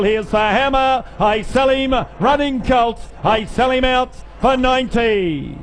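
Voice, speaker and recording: A man working as a livestock auctioneer, repeating figures in a rolling bid chant and cajoling buyers between calls. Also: high voice. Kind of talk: rapid auction chant with bid calling and sales patter. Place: public yearling auction sale, over noise. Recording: live sale with clear background noise.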